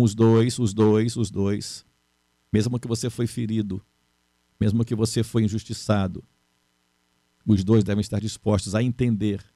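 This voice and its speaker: A man's voice: lowish voice, creaky, dark tone, dry recording. A middle-aged man preaching a sermon, earnest and repeating his key phrases. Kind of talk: sermon on marriage.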